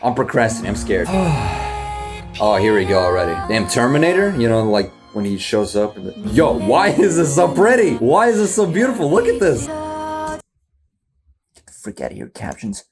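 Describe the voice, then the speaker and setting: A man reacting on video in a loose, rambling way, full of slang and jokes at his own expense. His pitch swings up and down a lot as he gets excited, sitting in a middle register. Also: brisk, few pauses, over music. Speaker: YouTube reactor. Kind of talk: casual reaction commentary.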